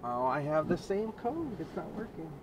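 Recorded on a dash cam inside his car over background car noise, a man who drives deliveries narrates to viewers, grumbling in frustration about his problems. His voice is a little high and very animated, moving at a moderate pace.

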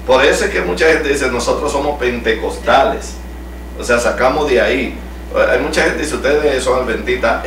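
A middle-aged Salvadoran pastor with a Salvadoran Spanish accent leads a home Bible study, teaching and asking the group questions. His voice is medium-pitched and a bit bright. A far camera across the living room records it echoey and from far off, with a faint hum.

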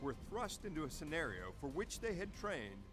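A man delivering scripted documentary narration in a measured, solemn way. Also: on the high side, big pitch swings. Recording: narration over loud music.

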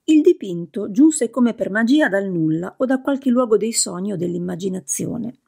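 A woman reading an audiobook novel in a steady, measured scripted narration. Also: mid-range voice, vocal fry, breathy edge. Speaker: audiobook reader.

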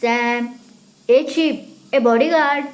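A woman's voice: fairly high pitch, animated, measured pace. A woman voicing a drunk young actress who babbles and slurs her words, cheeky and brash. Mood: slurring.

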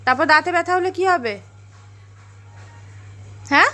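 Mother for a home vlog, high and bright, speaks softly to a toddler with gentle scolding. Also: a little slow, soft background music. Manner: gentle coaxing, mildly scolding. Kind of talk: home vlog, talking to a small child.

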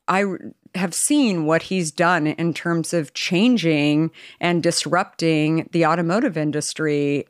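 A bubbly woman hosts a podcast, gushing over her guest in excited bursts. Her voice sits fairly low, smooth and clear, and the sound is close and dry. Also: no echo. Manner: bubbly, effusive, quick bursts of high excitement. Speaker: podcast host. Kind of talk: enthusiastic interview intro.

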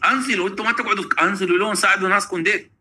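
A man with a Sudanese Arabic accent giving a fervent, celebratory monologue, repeating phrases, taunting and at times shouting. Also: sits high, racing, a little hiss or hum. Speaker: political commentator.

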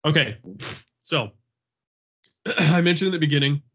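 A man whose fairly bright voice sits on the high side speaks at a moderate pace. He leads a video-call Bible study with a slight cold, sniffling as he prays earnestly and repetitively and chats casually with the group. The audio is dull and lo-fi.

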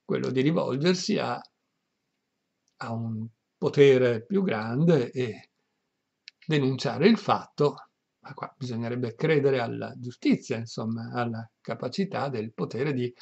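A man reads a classic novel aloud and breaks off into casual, explanatory commentary. His voice is husky, at a middling pitch. The recording sounds dull and lo-fi. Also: takes it slowly, darkish tone. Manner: conversational, explanatory asides ending in "no?".

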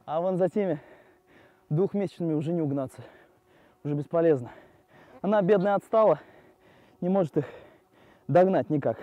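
A man's voice: a little high, normal speed, pauses often, no room sound. A man in his twenties hosting a travel show outdoors, talking in a casual, spontaneous and chatty way. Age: 20s. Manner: animated, chatty. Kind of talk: casual, spontaneous on-location presenting. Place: outdoors on location.

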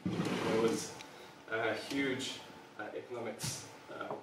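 A Serbian product designer in his thirties gives an earnest public presentation to a small audience, often hesitating with "um." His fairly low voice is steady and slow. A distant camera in a meeting room picks up heavy reverb and a lot of background noise.

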